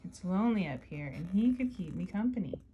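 A woman's voice: lowish voice, expressive, fairly quick, husky, highs cut off. A woman playing the lonely man in the moon.

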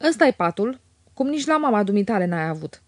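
A woman's voice: mid-range voice, big pitch swings, no room sound. A woman voicing a surly, coarse old servant woman who snaps and quarrels. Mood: snappish. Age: older. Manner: snapping, quarrelsome.

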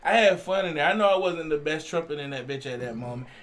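High-voiced slangy man chatting. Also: animated, fast talker, fairly bright tone. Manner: loose, profane, slangy banter. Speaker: co-host of a band reaction show. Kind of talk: casual chat.

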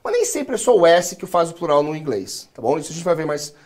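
A man's voice: fairly high pitch, big pitch swings, quick pace, darkish tone. A Brazilian man teaching English in a live class, leading call-and-repeat drills and joking with his students. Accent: Brazilian Portuguese.

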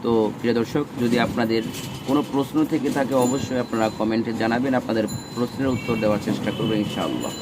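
A man teaching Arabic letter pronunciation in a slow lesson, saying each letter sound and repeating it for practice. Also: medium pitch, heavy background noise.

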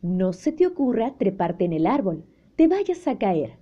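A woman's voice: medium pitch, big pitch swings, a little slow, lo-fi sound. A woman voicing a strict, caring storybook mother. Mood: firm. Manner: firm, scolding, warm.

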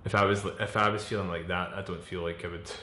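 A man in his twenties speaking candidly in a personal vlog, halting and searching for words, with frequent restarts and blunt swearing. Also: sits low, steady tone, bright, forceful tone, slight background noise. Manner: frank and swearing. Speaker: vlogger. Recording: echoey room.

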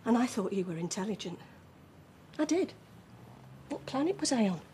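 A woman's voice: on the high side, sing-song, normal speed, mellow, slight background noise. An actress playing a stern, sarcastic middle-aged mother, scolding her grown daughter in a television drama. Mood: exasperated. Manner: cutting, sarcastic. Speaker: mother and grandmother.

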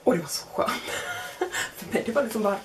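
Against background noise, a young woman with a mid-range voice shares a lighthearted story that makes fun of herself. Her telling is animated, and she voices the other characters' quotes.

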